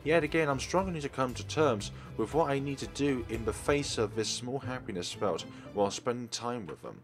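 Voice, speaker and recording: Hosting a let's play, a man with a medium-pitched voice reads out a visual novel's text at a moderate pace, tossing in casual asides between lines. Faint game music plays in the background.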